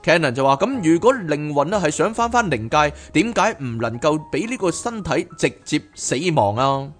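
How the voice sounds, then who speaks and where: A man, pitched a little above the usual male range, reads a book aloud and then slips into lively, chatty asides. He carries the talk as podcast host, with soft music playing faintly underneath. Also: normal speed. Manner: animated, chatty asides between reading. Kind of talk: reading a book aloud with commentary.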